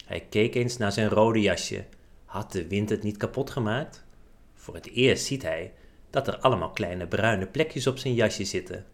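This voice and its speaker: A man narrating a children's storybook chapter aloud in a gentle, expressive storytelling manner. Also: on the low side, a little slow.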